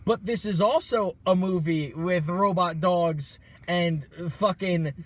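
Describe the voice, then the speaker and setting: A man co-hosting a casual movie podcast, profane and animated, ranting about a film. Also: high voice, slow pace, no room sound. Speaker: podcast co-host. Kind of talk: casual movie review chat.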